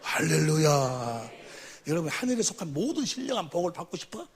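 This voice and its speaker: A man preaching at a church seminar, who keeps quizzing the audience and calling for amens, sometimes bursting into shouts. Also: sits high, big pitch swings, racing. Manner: quizzes the audience with constant questions; calls for amens after each point. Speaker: pastor. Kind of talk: seminar sermon teaching.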